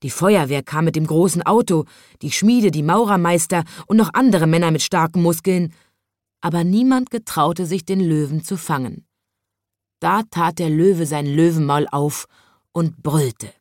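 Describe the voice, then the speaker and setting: A woman's voice: low-pitched, measured pace, a little mellow, no room sound, clean studio sound. Woman reading a children's story.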